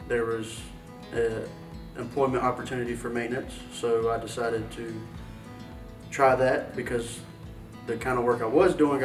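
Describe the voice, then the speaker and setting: A man from South Carolina, a maintenance supervisor, talking in a measured, pausing way in an employee interview. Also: medium pitch. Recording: roomy, distant mic, music behind.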